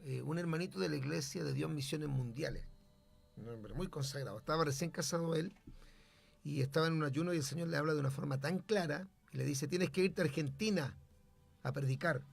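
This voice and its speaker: A man's voice: fairly high pitch, brisk, vocal fry, husky. A man, a pastor and radio host, telling a testimony in an emphatic, preacherly way. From Chile.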